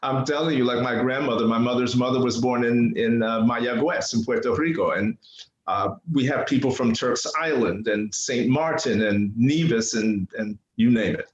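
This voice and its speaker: A podcast guest who is an artist, an older man from New York City, tells casual, lively personal stories and repeats phrases to drive points home. He speaks at medium pitch and a moderate pace. The audio is dull, with the roomy echo of an interview space.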